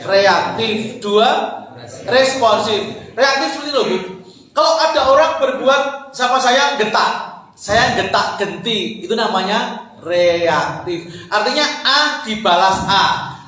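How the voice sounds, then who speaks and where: A man's voice: high voice, lively intonation, unhurried, pushed and bright. A man with a Javanese accent preaching a sermon in a mosque, questioning the congregation and jokingly mixing in English words. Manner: questions the congregation, calling them sir and ma'am. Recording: very echoey mosque hall.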